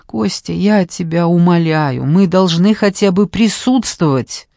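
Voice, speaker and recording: A woman's voice: fairly low pitch, measured pace, vocal fry, warm tone, no echo, studio quality. Woman voicing Sasha, an agitated young fiancée. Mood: pleading. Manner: pleading, emphatic outbursts.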